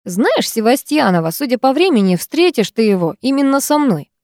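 Lady reading as a cocky teen boy in an audiobook, smug and mocking, mellow dry voice. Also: fairly high pitch, sing-song, normal speed, no echo, voice pushed up. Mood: teasing. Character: cocky teasing teenage schoolboy. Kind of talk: audiobook character voice.

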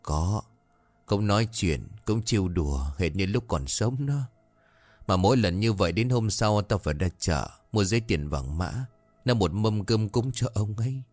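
A man voicing a calm, wise old grandmother who reassures and explains gently. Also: fairly low pitch, moderate pace, dry recording. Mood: soothing.

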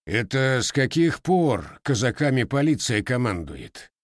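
A man's voice: mid-range voice, big pitch swings, a little slow, no echo. Male reader as a proud cossack blacksmith, firm and scornful, dry close sound. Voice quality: firm, contemptuous.

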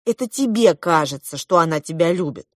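A woman's voice: on the low side, expressive, a little fast, no room sound, clean studio sound. A woman reading a storybook aloud and voicing a proud, argumentative boy prince from an undersea kingdom, with a haughty, lecturing tone. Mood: boastful.

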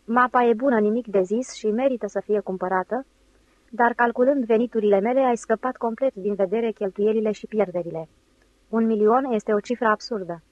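A tight-fisted middle-aged man who speaks curtly and grudgingly, as voiced by a woman reading aloud. The tone is fairly high and dry. The recording is slightly dull. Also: no room sound, lightly acted. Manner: curt, grudging. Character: cagey, tight-fisted middle-aged male millionaire clerk.

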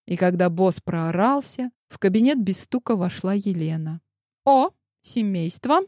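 A woman narrating an audiobook with lively storytelling. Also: on the low side, normal speed, no echo, studio quality. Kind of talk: scripted narration.

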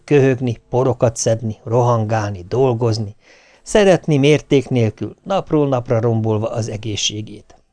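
A man reading a humorous novel aloud as an audiobook, with lively, expressive storytelling. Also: mid-range voice. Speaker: audiobook narrator.

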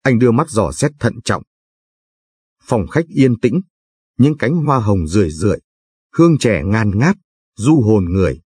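Brief: male audiobook narrator, low husky voice, dry close recording. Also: sing-song, unhurried, pauses often, darkish tone, dry recording.

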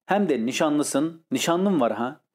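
A man's voice: on the high side, lively intonation, unhurried, darkish tone. Man reading as an indignant scolding brother. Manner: scolding, scornful. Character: indignant blustering older brother, landowner. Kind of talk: audiobook character reading.

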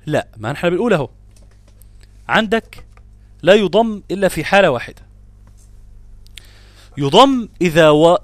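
An Egyptian man gives a tajweed lesson, repeating example words with emphatic stress. He poses questions to his listeners and answers them himself, mixing classical phrasing with colloquial asides. His voice sits somewhat high and the recording is dry. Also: no echo. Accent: Egyptian Arabic. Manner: switches between classical Arabic and colloquial asides. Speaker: Quran recitation teacher. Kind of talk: tajweed lesson explaining grammar rules.

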